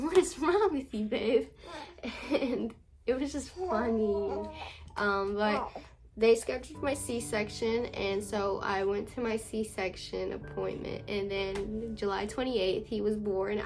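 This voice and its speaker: A woman's voice: mid-range voice, a little hiss or hum. A woman vlogger casually recounting a personal story to camera, chatty and full of fillers.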